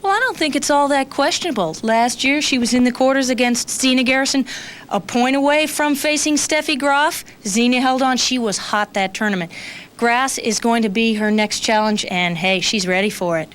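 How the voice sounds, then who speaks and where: A woman's voice: on the high side, normal speed, a bit bright, smooth. A woman giving spoken tennis analysis as a commentator.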